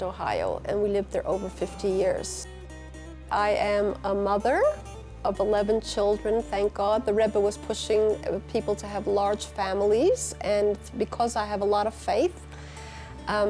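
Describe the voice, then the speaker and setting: An older woman talking about her life in an interview, reflective and unhurried. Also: medium pitch, mellow. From United States. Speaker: teacher and community leader.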